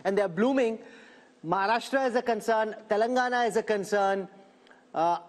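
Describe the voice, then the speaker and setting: A man with a high-pitched voice and a North Indian accent anchors a live panel debate. He addresses guests directly with a playful, teasing edge, as a television host does. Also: normal speed.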